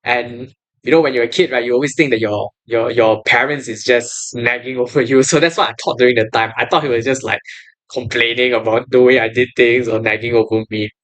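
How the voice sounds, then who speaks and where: A man's voice: medium pitch, steady tone, a little fast, a bit bright, poor audio. A man in his twenties with a Malaysian English accent, hosting his own podcast in an earnest, encouraging way with many fillers and restarts. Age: 20s. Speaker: podcast host. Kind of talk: casual podcast monologue.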